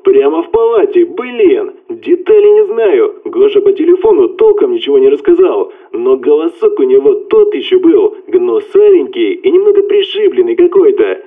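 A man voicing a brash, loud male buddy heard over a phone line, with blunt, rowdy, slang-filled talk. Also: on the high side, pitched above the performer's own voice. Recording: tinny phone-line sound.

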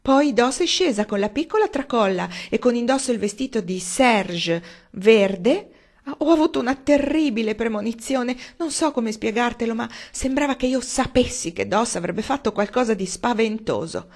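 Woman reading as a shrill, fretful older mother, pitched well above her narration. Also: animated, normal speed. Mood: distraught. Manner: agitated and high-strung.

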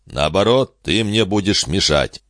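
A man reading a grave, gruff older farmer in an audiobook, terse and stern. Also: sits low, expressive, measured pace, fairly bright tone, no room sound, clean studio sound, voice pushed up.

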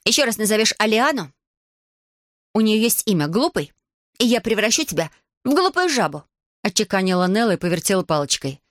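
A woman's voice: a little high, fast, dry recording, studio quality, pitched above the performer's own voice, lightly acted. A woman voicing a bold, cheeky young sorceress with a wand, speaking confidently, read for an audiobook. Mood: cocky.

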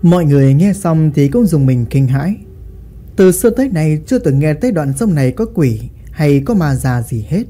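A woman narrating a ghost story in a dramatic, expressive way. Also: deep voice, normal speed.

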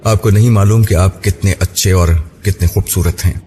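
A man voicing a devoted young bride, speaking in a soft, pleading way over a noisy recording. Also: low-pitched, steady tone, lightly acted. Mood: tender. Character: young woman, tearful and devoted new bride. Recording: noisy background hiss.

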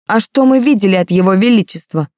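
A woman's voice: mid-range voice, animated, fast, a little mellow, no echo, clean studio sound, natural voice. A woman voicing a hot-headed young male fighter. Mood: agitated.

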